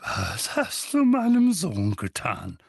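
A man's voice: high voice, wildly swooping pitch, a little slow, bright, forceful tone, no echo, studio quality, voice pushed up, heavily acted. A man reading an audiobook and voicing a bad-tempered, bullying uncle who growls and barks. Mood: barking angry. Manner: barking, growling, blustering. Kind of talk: audiobook character voice.

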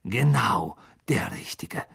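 Cold sarcastic male teacher, low hissing voice, slow drawl, as an audiobook reader puts him on. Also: wildly swooping pitch, creaky, slightly rough, exaggerated voice. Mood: sneering.

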